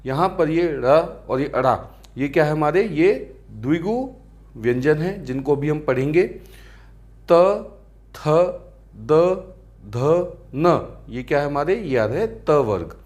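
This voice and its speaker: A man's voice: a little high, animated, normal speed, a little mellow. A man teaching grammar in a lecture, often asking the class rhetorical questions and calling them friends. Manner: asks rhetorical questions, calls students friends and beta.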